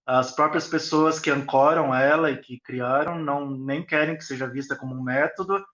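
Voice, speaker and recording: A man's voice: mid-range voice, fairly even intonation, moderate pace, a bit bright, dull audio. A man who founded a school, talking on a live online panel and explaining his ideas reflectively with examples.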